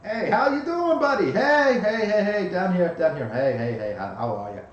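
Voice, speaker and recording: Man playing a tiny pixie-like fey ladybug, high-pitched, eager, chatty, repetitive, lovelorn, tabletop role-play, very echoey room. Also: far from the mic, muffled recording. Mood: eager greeting. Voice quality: little pixie-like voice. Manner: excitable, repetitive, fast-talking buddy patter. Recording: very echoey room, faint noise.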